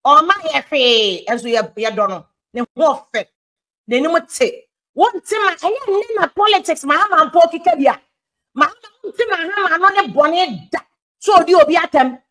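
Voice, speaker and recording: A Ghanaian woman giving political commentary on a talk show, animated, mixing English with Twi. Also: high voice, normal speed, poor audio.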